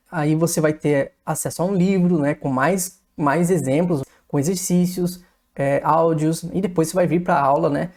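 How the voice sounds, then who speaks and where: A woman with a low, steady voice and a Brazilian accent teaches English grammar in a video lesson. She explains patiently and step by step. She often checks in with short tag questions. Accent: Brazilian Portuguese.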